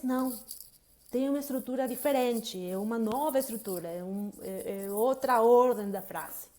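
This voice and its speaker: A woman's voice: fairly high pitch, darkish tone. Chatty Brazilian woman teaching grammar. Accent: Brazilian Portuguese. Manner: chatty, keeps checking in with the listener. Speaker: English teacher. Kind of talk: casual lesson explaining grammar.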